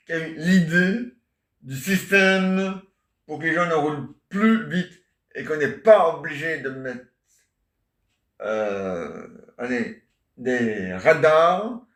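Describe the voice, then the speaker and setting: Guy rambling and joking to camera, voice a bit high, echoey room. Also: fairly bright tone. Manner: meandering, jokey, filler-heavy. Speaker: vlogger.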